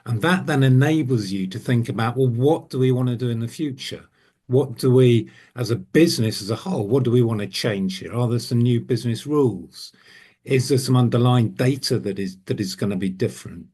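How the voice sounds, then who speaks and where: A man from the United Kingdom talks through his view on a video-call panel at a middling pitch. He explains carefully, pausing and rephrasing as he works toward his point. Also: mellow, breathy edge. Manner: thoughtful and explanatory, with frequent ums and rephrasing. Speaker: panel guest, senior business analyst. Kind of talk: panel discussion.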